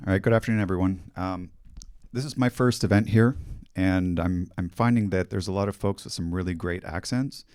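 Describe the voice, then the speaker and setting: A middle-aged Canadian man gives a technical conference talk on a hall stage through a handheld mic. His low voice is brisk, fairly monotone and steady as he explains, and the sound is clean, studio quality.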